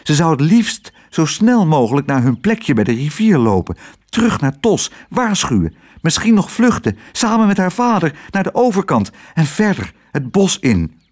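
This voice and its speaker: A man reading a children's storybook aloud with expressive, lively narration. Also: fairly high pitch, normal speed.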